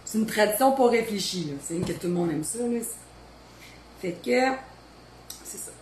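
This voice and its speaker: A woman's voice: mid-range voice, lively intonation, normal speed, a little mellow, roomy sound, a little hiss or hum, poor audio. A woman in her thirties with a Beauce Quebec French accent, chatting casually while she cooks in her home kitchen and rambling on with family off camera. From Quebec, Beauce region. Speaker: home cooking vlogger.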